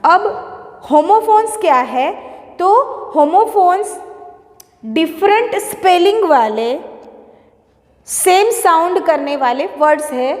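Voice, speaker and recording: Indian lady teacher, high voice, patient, keeps repeating stuff, sounds roomy with long reverb. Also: animated, slow, pauses often. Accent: Indian English. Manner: explains patiently, repeats points, checks with "okay?". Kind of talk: classroom lesson mixing Hindi and English. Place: classroom. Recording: echoey room, long reverb.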